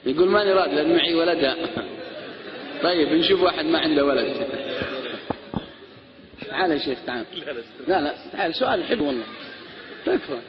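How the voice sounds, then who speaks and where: A male preacher delivers a lively, humorous lecture, talking fast in a high voice and slipping into the voices of the people in his stories. The recording is lo-fi, with the long echo of a large hall around him. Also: a crowd in the background. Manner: animated, jokey storytelling, acting out voices. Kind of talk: humorous lecture with acted anecdotes. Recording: echoey hall, dull lo-fi sound.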